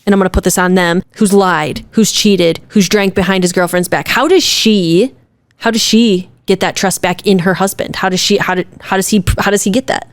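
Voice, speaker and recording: A woman co-hosting a casual talk, animated and blunt, swearing freely as she presses her point. Her pitch is middle for a woman. The recording is dry. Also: moderate pace, no echo. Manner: animated, profane, acts out quotes. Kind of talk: casual chat.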